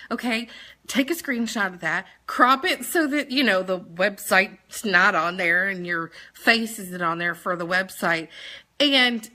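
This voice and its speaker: A woman in her thirties from Maryland, speaking with a Southern accent, giving a chatty, animated training talk to her sales team and laughing often. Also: fairly high pitch. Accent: Southern US, put on when talking fast. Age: 30s. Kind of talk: casual live training talk.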